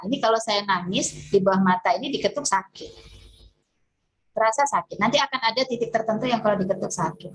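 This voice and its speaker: A woman therapist talking casually and explaining self-healing techniques step by step as she demonstrates them, with lively rises in pitch and a friendly, chatty manner. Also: rough recording. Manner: warm, chatty teaching with hands-on demonstration; lively pitch swings and occasional laughs.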